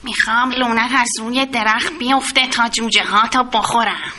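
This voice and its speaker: A woman's voice: fairly high pitch, fairly even intonation, bright, forceful tone. A woman voicing a greedy, bullying male fox who makes threatening demands in a children's storybook reading. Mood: demanding.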